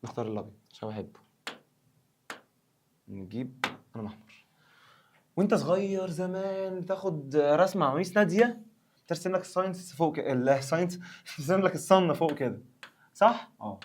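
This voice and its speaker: A man with an Egyptian Arabic accent teaches a recorded science revision lesson at a brisk clip. He jokes with the viewer, fires off quick check-in questions and slows right down whenever he reads English text aloud. His voice sits a little high for a man. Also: lively intonation, darkish tone. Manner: playful, joking, quizzes the viewer with quick questions.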